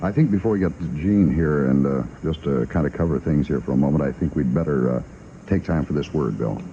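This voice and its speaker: On an old 1960s aircheck, a radio talk show host interviews and announces in a brisk, mellow voice of extremely low pitch. The recording sounds dull and faintly noisy.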